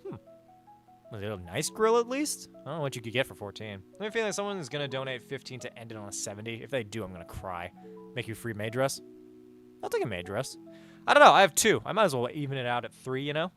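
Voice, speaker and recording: A man's voice: mid-range voice, very animated, fast talker, fairly bright tone, soft background music. A man streaming a game live, chatting crudely and joking with his chat, reading donations aloud. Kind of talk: casual live-stream chat while gaming. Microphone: headset mic.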